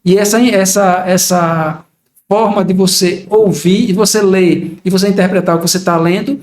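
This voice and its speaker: Moderately paced and fairly even in intonation, this older man's voice is high and a little mellow, heard in an echoey room. He is a reflective podcast guest in casual conversation who explains with acted-out everyday examples.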